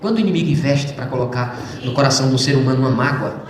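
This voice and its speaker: A man giving an emotional church testimony, speaking fervently to the congregation and swinging between loud and hushed passages. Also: medium pitch, racing. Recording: very echoey church hall.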